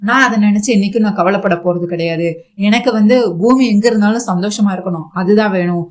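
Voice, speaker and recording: A woman voicing a grieving young man who tries to send his wife away, in a fast, self-pitying retelling. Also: mid-range voice, close to an everyday voice. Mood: sorrowful.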